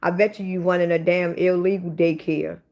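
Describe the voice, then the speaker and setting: A woman's voice: lowish voice, flat delivery, normal speed, a little mellow. A woman in her forties chatting live with her viewers, bluntly and profanely talking back to commenters. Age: 40s. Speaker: livestream host. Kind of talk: casual livestream chat with viewers.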